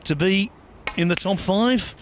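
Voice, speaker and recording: Male sports commentator for snooker, slightly high register, light background noise. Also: measured pace.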